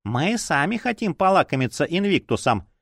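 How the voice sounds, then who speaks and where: A man putting on a vicious enchanted playing card that squeals and gloats in a high, swooping voice. The sound is dry and close, as in a storybook reading. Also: big pitch swings, normal speed, creaky, fairly bright tone, no room sound, full character voice. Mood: threatening. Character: shrill malicious flying playing card, female.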